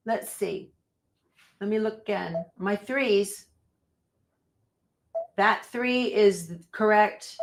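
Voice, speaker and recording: A woman's voice: medium pitch, drawn-out words, pauses often. A woman teaching machine embroidery on a live stream, thinking aloud as she sets up her machine and chatting with viewers. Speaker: embroidery instructor. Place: sewing room.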